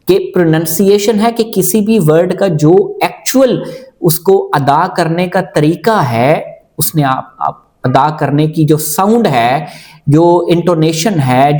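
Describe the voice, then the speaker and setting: A man teaching as an IELTS coach, explaining calmly and mixing English phrases into his Hindi-Urdu, slowing down to model sentences word by word. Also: fairly high pitch. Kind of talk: instructional video lecture.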